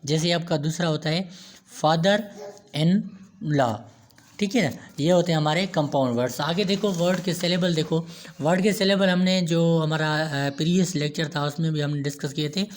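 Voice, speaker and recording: A man's voice: fairly high pitch, fairly even intonation, fairly quick. A man giving a grammar lecture, repeating himself and answering his own questions as he goes. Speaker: teacher.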